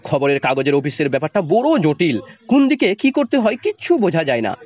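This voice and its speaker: A man's voice: a little high, very animated, fairly quick, a little mellow. A man teaching a class, reading a story aloud and explaining it line by line in plain words, often checking that the students follow. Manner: reads the text aloud, then retells it in plain words and quizzes the class. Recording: dull lo-fi sound.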